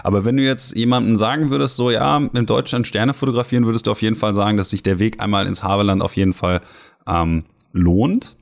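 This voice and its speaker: A man hosts a conversational interview in a deep voice. He has a mild cold that leaves his throat a little scratchy. He talks as a podcast host putting questions to a guest. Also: steady tone, fairly quick, gravelly.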